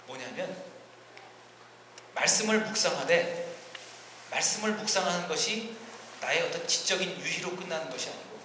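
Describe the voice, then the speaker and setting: A fairly high-voiced male pastor delivers a teaching sermon in a large church hall. He is earnest, pushing phrases up with force and then dropping into quiet asides. The recording is very reverberant, with a long hall tail and steady background hiss. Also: brisk. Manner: earnest, swinging between emphatic rises and quiet asides. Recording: echoey hall, distant ambient noise.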